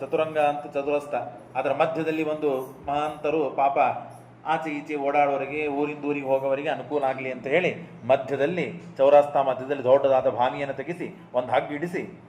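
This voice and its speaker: A man's voice: fairly high pitch, darkish tone, reverberant. A man giving a religious discourse. He tells stories and asks and answers his own rhetorical questions. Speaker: preacher giving a scripture discourse.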